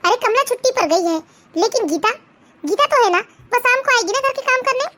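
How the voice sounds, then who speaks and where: A woman's voice: extremely high pitch, lively intonation, brisk, very noisy. A woman voicing a kindly but bossy middle-aged mother-in-law in a cartoon. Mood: fond. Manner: fond, bossy. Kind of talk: Hindi cartoon voice acting.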